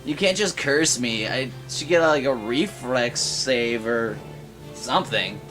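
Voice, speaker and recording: A man's voice: mid-range voice, takes it slowly, fairly bright tone, faint music behind. A man voicing a cocky, brash tomboy pegasus girl who talks in a boastful, casual way.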